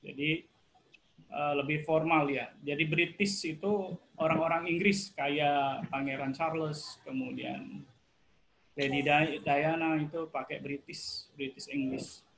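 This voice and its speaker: A man's voice: on the high side, fairly bright tone, a little hiss or hum, poor audio. Indonesian man teaching English, patient. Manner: patient, asks students questions often. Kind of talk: online class lesson.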